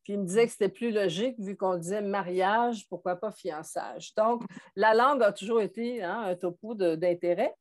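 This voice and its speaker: A woman's voice: mid-range voice, moderate pace. Hesitant Québécois woman in her sixties. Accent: Québécois French. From Montreal, Quebec. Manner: thoughtful, frequent hesitations. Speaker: guest. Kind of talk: conversational interview.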